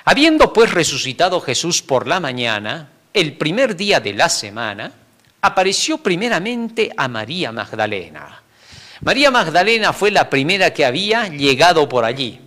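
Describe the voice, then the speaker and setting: A man teaching a Bible lesson in an expository style, animated and chuckling between points, often tagging his sentences with a question. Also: on the high side.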